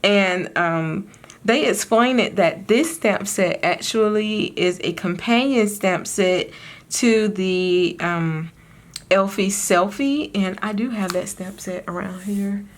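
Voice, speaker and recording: A woman's voice: medium pitch, slow pace. A woman with a Southern US accent, a craft vlogger chatting casually to her viewers, rambling and giggling with lots of fillers. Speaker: craft YouTuber.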